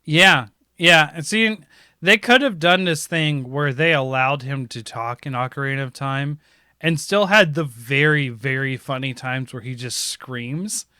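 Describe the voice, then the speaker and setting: A man co-hosting a casual gaming podcast, talking in an animated way and laughing easily. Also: mid-range voice, measured pace, clean tone, dry recording, clean studio sound. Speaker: podcast co-host.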